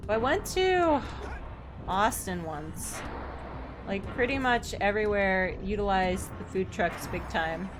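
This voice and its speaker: A woman's voice: medium pitch, animated, slow pace, noisy background. A woman live streaming a video game with casual, playful chat in a cute, bubbly anime-streamer manner, often slipping into sing-song repeats. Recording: music playing behind the voice. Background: game music.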